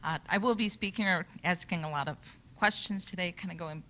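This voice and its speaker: At a public workshop in a conference hall, a Michigan woman in the audience speaks into a handheld microphone, making a public comment that is nervous yet earnest. Her voice is lowish, fairly quick and fairly bright in tone.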